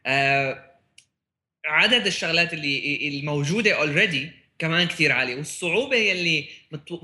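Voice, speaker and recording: Levantine arabic guy on a tech podcast, fairly high bright voice, keeps restarting words, bits of english. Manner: hesitant, repeats words while searching for phrasing. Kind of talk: casual tech podcast discussion.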